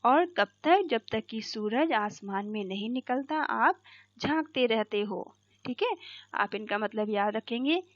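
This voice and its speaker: A woman teacher explaining an English poem line by line in Hindi, checking each point with "theek hai" and reading the English lines slowly. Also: on the high side, lively intonation, no echo. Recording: dull, dry lo-fi recording.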